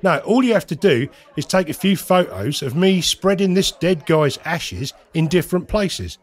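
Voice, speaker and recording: A man's voice: fairly high pitch, lively intonation, normal speed. An actor playing a cheeky, scheming Cockney wide boy who narrates and talks in slangy patter in an audio drama. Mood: persuasive. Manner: slangy, wheeling and dealing patter. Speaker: narrator and lead character. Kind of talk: first-person audio drama narration and dialogue.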